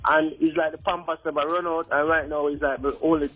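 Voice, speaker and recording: A man's voice: a little high, level tone, quick pace, fairly bright tone, highs cut off. A man calling in to a radio show, talking in a put-on Jamaican-style patter and rambling. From the Bronx. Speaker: caller.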